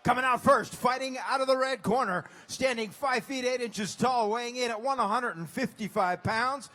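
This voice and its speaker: High-voiced man doing ring announcements. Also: moderate pace. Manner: booming, builds to shouted name calls. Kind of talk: fight announcing with drawn-out calls.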